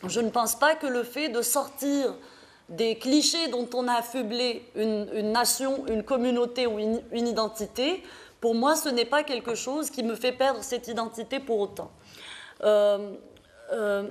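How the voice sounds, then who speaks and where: A woman from Morocco giving an earnest, halting talk at a small debate, with many fillers and restarts. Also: a little high. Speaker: panel speaker.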